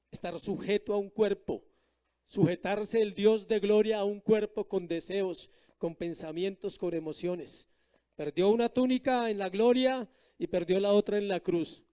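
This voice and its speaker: A man's voice: high voice, warm tone, clear, resonant tone. A male pastor preaching a sermon to his congregation, reading scripture verses aloud and putting rhetorical questions to the listeners.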